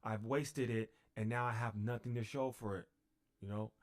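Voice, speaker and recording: A man's voice: lowish voice, fairly even intonation, normal speed. A man teaching on a livestream. He talks unhurriedly, with fillers and repeated phrases.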